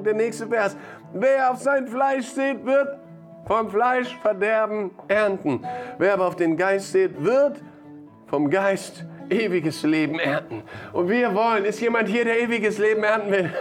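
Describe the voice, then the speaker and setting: A man delivers a sermon in a notably high voice, leaning hard on repeated phrases and breaking into brief laughs between lines. Soft guitar plays underneath. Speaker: preacher.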